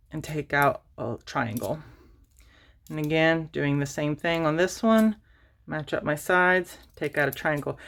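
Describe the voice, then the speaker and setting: A woman hosting a casual craft tutorial, rambling and self-deprecating with lots of fillers and restarts, a little out of breath. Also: deep voice. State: slightly out of breath. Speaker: crafting channel host.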